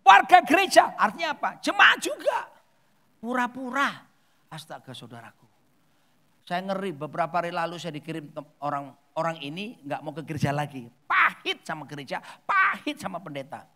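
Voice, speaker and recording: A male pastor preaching a sermon in a church, shifting between loud exclamations and soft, quiet asides. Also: on the high side, big pitch swings, a little fast. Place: church hall.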